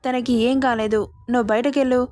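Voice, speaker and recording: A woman's voice: fairly high pitch, steady tone, a little fast, darkish tone, natural voice. A woman reading the part of a firm, traditional middle-aged mother in a story. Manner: firm, insistent.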